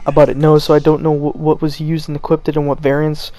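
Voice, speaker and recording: A young gaming channel host, chilled and stammering, delivers a rambling gameplay rant with no script, frequently backing up to restart. His voice is on the high side and warm, but monotone and quick-paced.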